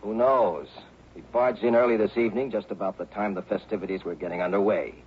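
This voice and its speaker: In a muffled, hissy 1960s radio drama broadcast, an actor plays a harried, chatty American insurance man, agitated, exasperated, animated and gossipy. His voice is fairly low, steady in tone, a little fast, and close to everyday speech.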